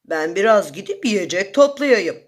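A woman voicing a big, gentle male bear who is a father, grumbling and flustered, in a children's story. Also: mid-range voice, very animated, a little slow, voice pushed down. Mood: calm.

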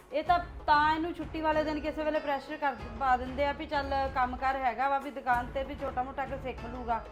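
Woman acting as middle-aged mother, pleading, placating, fairly high voice, faint music. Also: natural voice. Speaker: mother and daughter-in-law. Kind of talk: web-series family drama acting.

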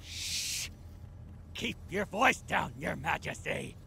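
A shrill, gravelly army commander. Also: male voice, animated, slow, a little hiss or hum, heavily acted. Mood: hushed urgent. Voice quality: high, gravelly and sharp. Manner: stammering, barks orders. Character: shrill, jumpy male army commander, scheming. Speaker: army officer.

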